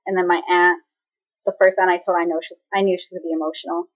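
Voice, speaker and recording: A woman's voice: lowish voice, level tone, very fast. A young woman chattily retelling a personal story in a casual vlog, acting out what others said. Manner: chatty, dramatic retelling with quoted voices and laughs. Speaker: vlogger. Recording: slightly dull lo-fi audio.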